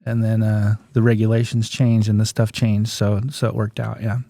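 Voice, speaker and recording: A physical therapist and clinic owner in his fifties, interviewed as a guest, tells folksy anecdotes in plain language and acts out dialogue from memory. He speaks at a fairly low pitch, monotone and mellow with vocal fry, at normal speed, in a clean, echo-free studio.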